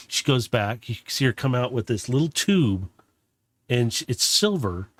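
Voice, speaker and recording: A man's voice: mid-range voice, big pitch swings, a little slow, no room sound. A man working as game master, improvising casual, descriptive narration for a tabletop game and correcting himself as he goes.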